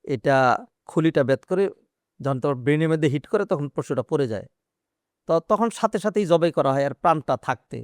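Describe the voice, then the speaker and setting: A man, an Islamic scholar answering questions in a measured, explaining way with hesitant fillers. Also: fairly high pitch, lively intonation, darkish tone, no room sound, studio quality. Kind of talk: religious Q&A interview.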